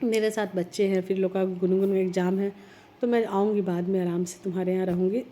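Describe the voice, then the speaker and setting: Woman vlogging with a cold, hoarse, voice real dark and flat, earnest rambling chat. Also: fast talker. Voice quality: heavy, low-sounding voice. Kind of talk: casual vlog talk.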